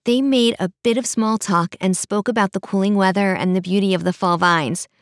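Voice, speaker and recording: A woman reading a story aloud in steady audiobook narration, voicing the characters lightly. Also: medium pitch, normal speed, dry recording, clean studio sound.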